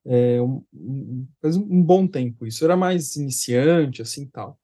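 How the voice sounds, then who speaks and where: A man with a Brazilian accent, a therapist and podcast co-host, telling a case story in casual chat with animated restarts. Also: mid-range voice, unhurried.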